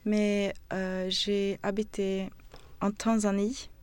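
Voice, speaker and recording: Slow, hesitant woman speaking French. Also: mid-range voice, level tone, darkish tone, clear, resonant tone. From Sweden. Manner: hesitant, searching for words, many fillers. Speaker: interviewee. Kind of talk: casual conversation.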